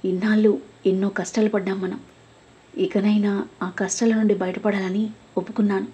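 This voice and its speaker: A woman's voice: mid-range voice, flat delivery, a little fast, warm tone, husky. A woman voicing a sorrowful caring elder sister. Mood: sad resolve.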